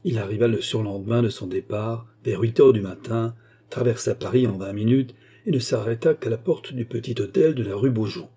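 A man narrating a classic novel as an audiobook in steady, measured storytelling. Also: mid-range voice, breathy edge.

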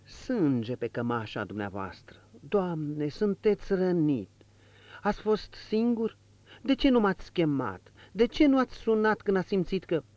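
A man's voice: medium pitch, wildly swooping pitch, darkish tone, no echo, voice pushed up. A man doing an old fretful valet. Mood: alarmed. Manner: pleading, fussing. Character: old worried male servant. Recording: dull lo-fi audio.

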